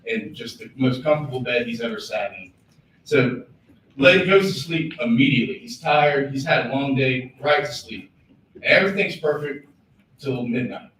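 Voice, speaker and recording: A man's voice: medium pitch, a bit bright. Young man telling a long joke in an echoey hall. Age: young adult. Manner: storytelling with dramatic pauses, acted quotes, repetitions. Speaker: student senator telling a joke. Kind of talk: long shaggy-dog joke told to a meeting. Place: large echoey meeting room. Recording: echoey hall from far off, faint room noise.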